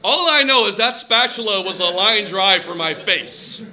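A man in his thirties preaching a sermon through personal stories, animated and acting out quoted voices. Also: sits high, measured pace, slight background noise. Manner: animated, acts out quoted voices, shouts for effect. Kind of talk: storytelling sermon.

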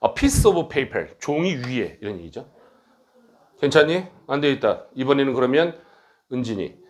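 In a mid-range, sing-song voice, a middle-aged man directing his academy gives a grammar lecture, moving briskly, speaking bluntly, joking at students' expense and adding quick questions.

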